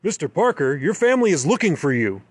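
A man doing a calm male park ranger. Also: a little high, fast, breathy edge. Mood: coaxing.

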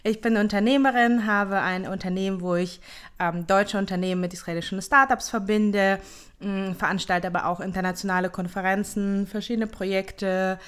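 Smooth-voiced woman co-hosting a podcast. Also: medium pitch, fairly even intonation, normal speed. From Ukraine. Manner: hesitant, many fillers. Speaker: podcast co-host. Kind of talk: casual podcast chat.

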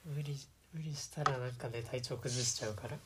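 Very deep female voice, casual host, encouraging, frequent agreement, noticeable noise. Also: steady tone, a little fast. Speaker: host asking questions. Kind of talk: casual chat.

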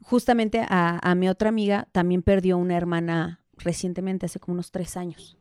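A woman's voice: lowish voice, little pitch movement, fairly quick, a little mellow, clear, resonant tone, dry recording, studio quality. A Mexican woman in her thirties co-hosting a podcast, telling personal stories candidly and acting out quoted dialogue. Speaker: podcast co-host. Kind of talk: casual podcast conversation.

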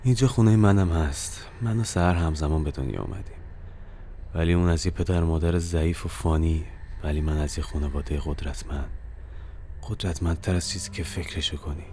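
A man voicing a calm, eerie female spirit who is a girl's supernatural twin, speaking in a measured way in a horror audio story. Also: sits low, slight background noise.

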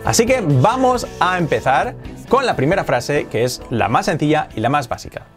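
A man teaching English phrases in a video lesson for Spanish speakers, repeating each one slowly to model the pronunciation. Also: fairly high pitch, big pitch swings, music in the background.

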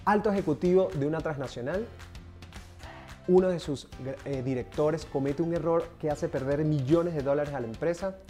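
A man speaking as a career coach in an energetic video tutorial, stressing points by repeating words and speaking straight to his viewers. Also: a little high, normal speed, faint music behind.

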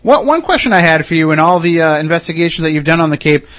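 This Wareham, Massachusetts man hosts a relaxed radio interview, sounding conversational and eager. His voice sits a little high, swings widely in pitch, and comes out fast with a fairly bright tone over slight background noise.

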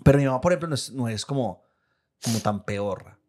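A young Colombian man with a Paisa accent, co-hosting a podcast, telling family stories in a lively way and laughing as he talks. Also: medium pitch, fast. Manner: animated storyteller, laughs while telling. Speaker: podcast co-host. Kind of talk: casual chat.

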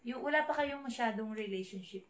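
A woman's voice: a little high, a little fast. A woman co-hosting a podcast in casual chat, mixing Tagalog and English and thinking aloud with fillers and restarts. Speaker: podcast co-host.

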